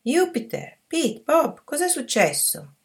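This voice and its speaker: A woman voicing a brisk, practical middle-aged aunt who gives firm, motherly instructions, in a low, gravelly voice. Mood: alarmed.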